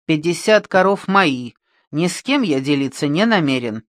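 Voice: medium pitch, lively intonation, normal speed, no room sound, clean studio sound, lightly acted. Cocky old bull, territorial, threatening, reader voicing it, joke tale. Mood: boastful. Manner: boastful, threatening.

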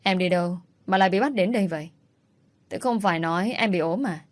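A woman reading a calm, self-assured businessman. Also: on the low side, fast, lightly acted. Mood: firm. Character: composed, self-assured wealthy young man, a businessman.

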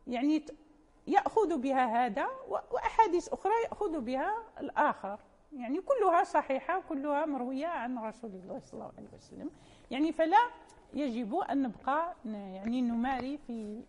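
A woman's voice: high voice, a little mellow, big-room sound. A woman teaching Quran recitation in an informal classroom lecture, patiently explaining and quoting verses and poem lines in a chanting lilt.

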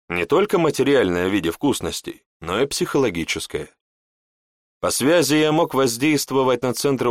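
A man narrating a first-person fantasy audiobook with expressive, dramatic intonation. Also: mid-range voice, no room sound, clean studio sound.

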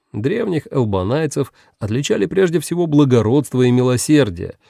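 A male narrator reads a science-fiction story with lively, animated intonation. His voice is gravelly and mellow, recorded dry and close. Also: mid-range voice, no room sound. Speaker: audiobook narrator. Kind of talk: scripted narration.

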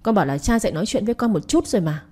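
A woman's voice: medium pitch, animated, racing, mellow, husky. A woman voicing a young adult son who speaks earnestly and protectively of his mother. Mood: reproachful. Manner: earnest, reproachful.

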